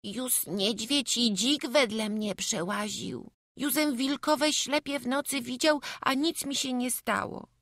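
A woman's voice: a little high, takes it slowly, fairly bright tone, dry recording, studio quality, voice pushed up, heavily acted. A woman voicing a small homesick peasant boy who talks with a childish dialect lisp. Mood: eager.

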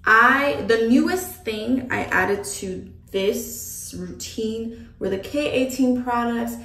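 A woman chatting to camera as a hair vlogger, thinking out loud with joking asides. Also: fairly high pitch, slow pace. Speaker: beauty vlogger. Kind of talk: casual chat to camera. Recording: echoey room from a distant mic.

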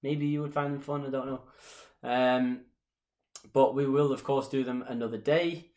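A dance instructor in his thirties, Mancunian Irish by accent, chats casually with viewers on a live stream and answers their questions from his small living room. His mid-range voice is a little mellow, with fairly even intonation at normal speed, and he gestures a lot as he talks. Audio is roomy, picked up by a desk-distance webcam.

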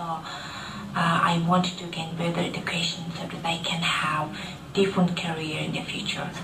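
Woman from Mongolia, gravelly and flat, earnest self-intro. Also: fairly low pitch, echoey room, distant mic, background noise. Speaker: student.

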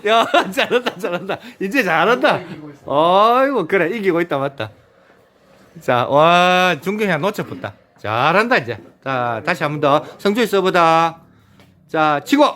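A man's voice: sits high, sing-song, unhurried, fairly bright tone. A man instructing and cheering people on during a video game, with short repeated calls and a lot of laughter. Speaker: activity instructor.

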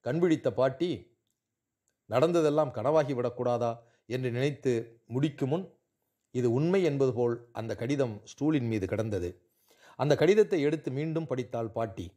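A man narrating a literary short story in a measured, expressive way. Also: medium pitch. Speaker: audiobook narrator.

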